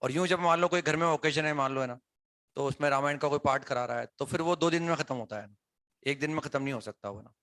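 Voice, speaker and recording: A man's voice: on the high side, fast, fairly bright tone, no echo. A male teacher talks to his students in a classroom, explaining things conversationally and often checking whether they follow. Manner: conversational, asks students questions, frequent "है ना" tags.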